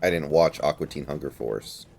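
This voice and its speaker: Deep-voiced man picking apart a cartoon. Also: moderate pace, creaky, darkish tone, soft background music. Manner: analytical, profane, rambling. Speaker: streamer. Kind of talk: casual chat over gameplay.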